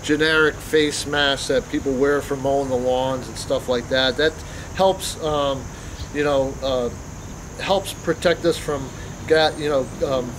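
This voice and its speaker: A middle-aged man giving an unscripted workplace safety talk outdoors in a parking lot, plain-spoken, with frequent ums and restarts. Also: mid-range voice. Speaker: company safety presenter. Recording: clear outdoor background noise.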